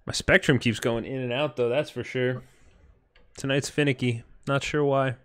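A man live-streaming a shooter game, chatting with teammates and thanking viewers in a relaxed way. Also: medium pitch, normal speed, clear, resonant tone. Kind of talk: live gameplay chat. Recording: loud game gunfire under the voice.

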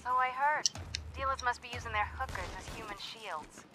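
A man's voice: extremely high pitch, normal speed, music in the background. An actor playing a sarcastic, wisecracking young male superhero in a video game. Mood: wry. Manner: sarcastic, joking. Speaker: game character dialogue. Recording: game audio heard from a distance.

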